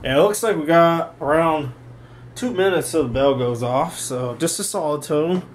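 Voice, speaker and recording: A young man hosts a home vlog, giving a casual demonstration on a handheld camera or phone he holds himself as he moves between his bedroom and home workshop. His voice is a little high and his speed normal, with background noise in the recording.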